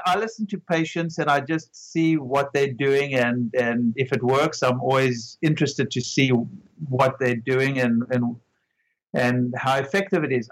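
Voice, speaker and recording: A man's voice: on the high side, low-quality recording. A man, a clinician guest on a podcast, talking enthusiastically about his patients with a rambling style and frequent restarts. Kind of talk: casual conversational interview.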